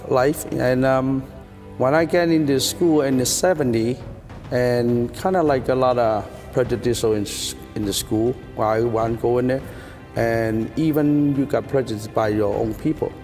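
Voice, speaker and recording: A man from Hong Kong answering in a TV interview, speaking plain, halting broken English. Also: mid-range voice, a little mellow, big-room sound. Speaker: interview guest.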